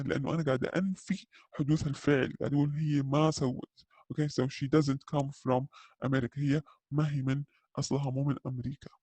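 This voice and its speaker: A man teaching an English grammar lesson, saying the English examples slowly and carefully and often checking in with his listeners. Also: fairly high pitch, darkish tone, no room sound. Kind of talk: grammar lesson explained in Arabic.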